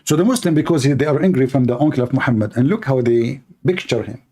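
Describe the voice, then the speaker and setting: A native Arabic speaker with an Arabic accent hosts informal live teaching on stream as a religious polemicist, mocking and repetitive, with many rhetorical questions. His mid-range voice is expressive, warm, and fast.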